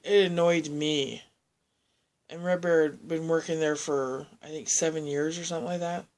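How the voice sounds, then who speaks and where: A woman telling a personal story in a halting, rambling way, often restarting her sentences. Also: deep voice, darkish tone.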